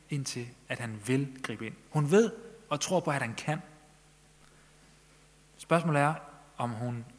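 A man preaching a sermon in Danish-language church style, earnest, pressing his listeners with questions. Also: medium pitch. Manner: earnest, rising emphasis on questions. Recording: long echo of a large hall.

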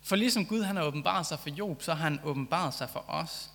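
A man's voice: fairly high pitch, a bit bright. A man preaching a sermon, reading scripture and then reflecting on it earnestly, with rising emphasis on key phrases. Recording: long hall reverb.

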